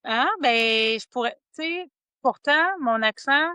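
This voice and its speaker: Quebec-accent woman chatting on a podcast, trails off quiet a lot, no room echo. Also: fairly high pitch, takes it slowly, smooth. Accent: Quebec French. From Quebec, Estrie region. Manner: chatty, many restarts, drops to quiet asides. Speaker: podcast co-host. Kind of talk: casual conversation.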